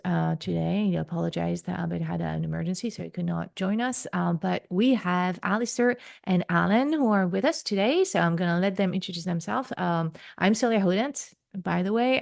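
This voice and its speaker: A woman hosts an online meetup over a video call. Her voice sits a little low and has a gravelly edge. She talks in a friendly way, with many "uh"s between her phrases. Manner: friendly, filler-heavy speech. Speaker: host, game UX consultant. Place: at home, on the US West Coast.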